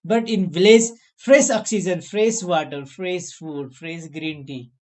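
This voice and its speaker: A young Nepali man hosts a casual video chat on his channel, speaking simple, broken English with emphatic bursts. His voice is high-pitched and unhurried.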